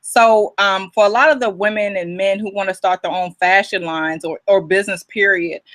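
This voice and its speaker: A woman's voice: medium pitch, fairly even intonation, normal speed, fairly bright tone, dry recording. A woman hosting an interview, speaking with enthusiastic energy. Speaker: interview host. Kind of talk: interview host.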